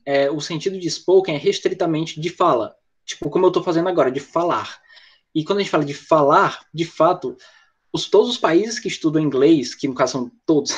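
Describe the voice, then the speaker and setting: On lo-fi, dull audio, a man with a fairly high, slightly rough voice and a Brazilian Portuguese accent teaches English online. He explains material, reads the chat, and answers students, calling them by name.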